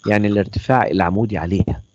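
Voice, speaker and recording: Fast-talking Egyptian math teacher, deep voice. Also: male voice, no room sound. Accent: Egyptian Arabic. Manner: asks questions and answers them himself, praises students. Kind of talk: online math lesson. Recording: dull lo-fi stream audio.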